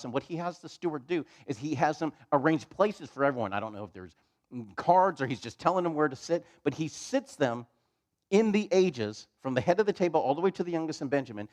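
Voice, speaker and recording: A man preaching a midweek sermon in a church, retelling scripture in casual modern words. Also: medium pitch. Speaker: pastor. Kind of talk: expository sermon.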